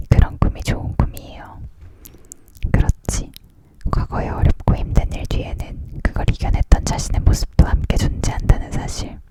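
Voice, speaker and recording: A narrator reads a novel aloud for ASMR, leaning in to whisper. The delivery is hushed and fully whispered, carrying both narration and dialogue in the same soft, breath-only voice. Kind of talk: whispered ASMR audiobook reading.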